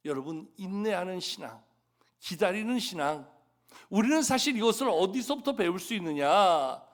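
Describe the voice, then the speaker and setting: A man's voice: high voice, lively intonation, normal speed. A man pastor preaching a Sunday sermon at a church service, telling stories and putting rhetorical questions to the congregation.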